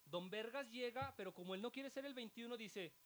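A man's voice: very high-pitched, brisk. A man with a Mexican accent co-hosting a casual, profane comedy chat and acting out quotes from other people. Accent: Mexican Spanish. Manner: profane, animated storytelling with acted-out quotes. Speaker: podcast co-host. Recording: faint hiss.

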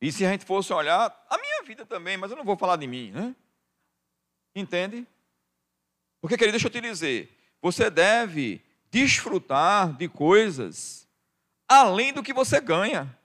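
Brazilian pastor man preaching, fairly high voice. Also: sing-song, unhurried. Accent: Brazilian Portuguese. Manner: addresses the congregation as "querido" constantly, swings from quiet to loud. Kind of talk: sermon.

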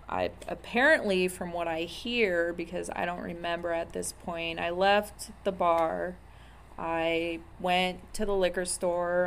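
A woman's voice: fairly low pitch, a little hiss or hum. A woman in her thirties telling her own story candidly, in a blunt, profane way with many fillers.

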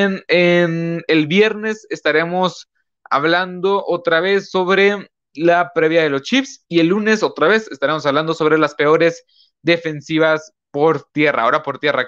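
This casual live-stream talk comes from a young podcast host from northern Mexico, whose slightly high voice rambles along with lots of fillers and mid-sentence self-corrections. The audio is dull and lo-fi, though also a bit bright.

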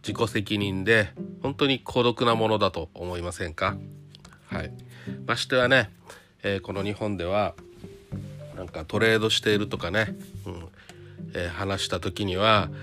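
A man giving a casual solo monologue to viewers, chatty and full of rhetorical questions and little tag fillers. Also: fairly low pitch. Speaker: trader talking to viewers. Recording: guitar music under the voice.

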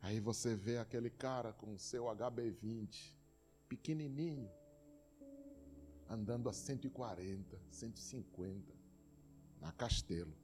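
A man's voice: on the low side, unhurried, pauses often, over music. A man with a Brazilian Portuguese accent preaching a sermon as pastor, emphatic and repeating words for effect while telling stories.

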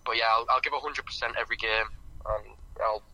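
Young man, phone speaker, very bright tone, flat pitch, halting and modest, casual phone-in interview. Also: dry recording, rough recording. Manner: halting and modest, filling gaps with "um" and "like". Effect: heard over a phone on speaker. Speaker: footballer guest calling in.

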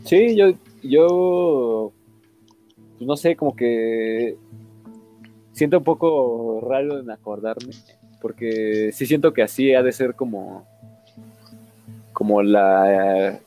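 Mellow young Mexican man, hesitant. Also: medium pitch, slow, long pauses, soft background music. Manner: hesitant, searching for words. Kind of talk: casual chat, reminiscing with a friend.

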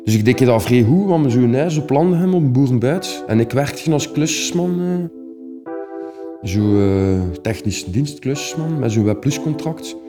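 A man's voice: mid-range voice, expressive, measured pace, music in the background. A young Flemish man telling his own stories casually, rambling in a streetwise way with many fillers. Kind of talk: casual personal storytelling.

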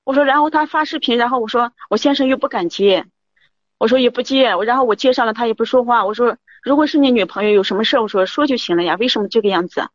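Fast-talking woman caller, dull dry audio. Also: on the high side, dry recording. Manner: rambling, keeps repeating "I said". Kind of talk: confiding call-in account.

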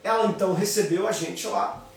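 A man's voice: high voice, brisk, distant mic, a little hiss or hum. A man, a pastor preaching and telling personal stories, repeating phrases for emphasis. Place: home office. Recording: echoey room, voice from afar, faint ambience.

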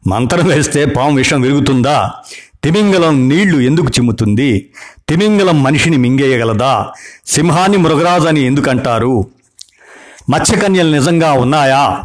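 A man giving a talk who reads aloud a long list of questions from a book in a steady, even way. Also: mid-range voice.

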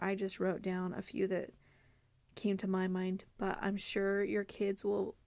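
Woman, podcast host, earnest and heartfelt, gravelly fry, dry close sound. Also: mid-range voice, a little mellow, dry recording. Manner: earnest, heartfelt, conversational with many fillers. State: tearful, choked up. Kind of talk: devotional podcast talk to mothers.

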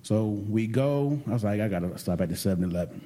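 A man co-hosting a casual talk show, telling a story in an animated, profane way. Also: fairly low pitch, fast talker. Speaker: podcast co-host telling a vacation story. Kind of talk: casual chat.

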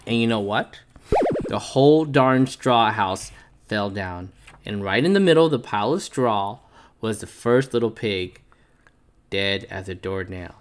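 A man reading a picture book aloud to his child, telling it playfully in a wolf narrator's voice and pausing to chat with the child. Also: on the low side, expressive, slight background noise. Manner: playful storyteller voicing the wolf narrator, chatting with his child between pages.

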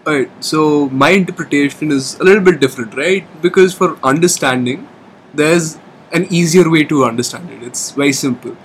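A man's voice: a little high, moderate pace, a little hiss or hum, poor audio. A man on a podcast panel confidently explaining his view, often checking in with his listeners. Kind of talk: casual explanatory discussion.

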